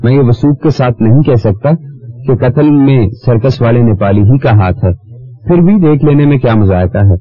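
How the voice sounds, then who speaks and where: A man's voice: mid-range voice, phone-quality sound, close to an everyday voice. A man voicing a shrewd, confident male detective who talks in a commanding, matter-of-fact way in an audiobook reading, over faint music. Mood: reasoning.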